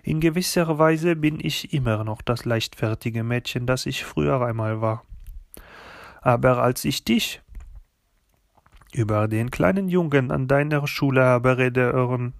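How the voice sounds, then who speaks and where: Tender old grandmother, as a man reads her, soft and slow, storybook, dry close sound. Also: mid-range voice, creaky, dry recording. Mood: wistful. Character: gentle old French grandmother, tender and wise.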